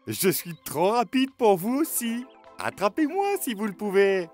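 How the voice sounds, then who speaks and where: A man's voice: high voice, big pitch swings, unhurried, soft background music. A man voicing a boastful runaway pancake in a cartoon, taunting in a sing-song way. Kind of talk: cartoon voice acting.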